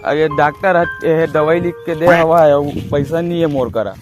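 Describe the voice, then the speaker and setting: A man's voice: a little high, steady tone, moderate pace, music in the background, natural voice. A man with a Chhattisgarhi accent playing a penniless, scrounging friend who tells a melodramatic sob story in a comedy skit. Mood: pleading.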